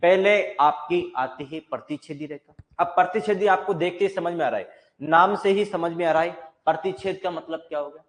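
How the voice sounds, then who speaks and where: A man's voice: a little high, moderate pace. A man giving a maths lecture, explaining step by step and asking the class questions that he answers himself. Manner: explains step by step, repeating key points as questions to students. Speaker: maths teacher.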